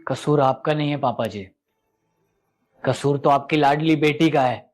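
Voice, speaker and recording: A man's voice: fairly high pitch, unhurried. An actor playing a domineering young husband who talks harshly and hurls insults at his wife and her father. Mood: angry.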